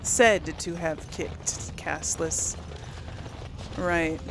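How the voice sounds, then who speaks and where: A woman with a deep voice hosts a casual role-play gaming video, playing and commenting in an easygoing way to herself and her viewers. Her tone is steady and her pace extremely slow. Game music and other background noise can be heard.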